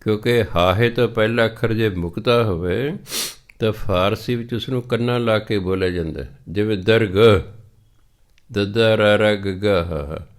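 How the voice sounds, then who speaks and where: A man with a Punjabi accent preaching a scripture exposition, explaining verses and chanting them slowly. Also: lowish voice. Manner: slow, chants scripture lines in a drawn-out cadence. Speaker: religious preacher.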